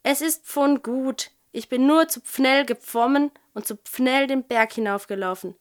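Lady doing a lisping little storybook penguin guy, hurried, highish and loud. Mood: breathless. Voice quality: lisps s and k as pf.

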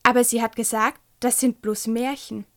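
A woman's voice: fairly high pitch, level tone, moderate pace, close to an everyday voice. Woman reading as small hissing dragon boy.

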